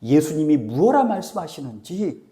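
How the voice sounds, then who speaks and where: A man preaching a sermon, pitched high and full of movement in his voice. He keeps asking the congregation questions. He moves between forceful exhortation and near-whispered lines. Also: sing-song, moderate pace. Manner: dramatic swings from loud exhortation to near-whispers. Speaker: pastor.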